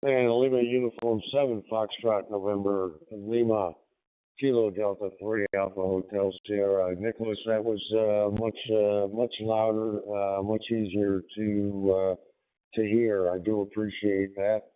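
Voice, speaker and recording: American male ham operator, low and smooth, polite procedural delivery through narrow-band radio. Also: little pitch movement, a little slow. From United States, Pennsylvania. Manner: courteous, formal radio procedure. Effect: radio transmission. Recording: narrow tinny two-way radio audio.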